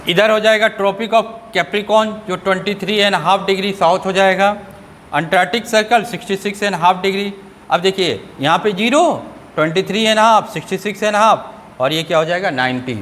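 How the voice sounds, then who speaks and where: A man teaching a school class, asking questions and answering them himself in a lower voice, and reading English lines out slowly. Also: fairly bright tone, big-room sound, a little hiss or hum. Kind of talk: classroom lecture.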